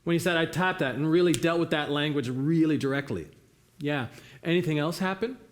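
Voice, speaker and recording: A man's voice: fairly high pitch, a little fast. A man leading an interactive theatre workshop, encouraging volunteers and asking the audience questions. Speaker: workshop facilitator.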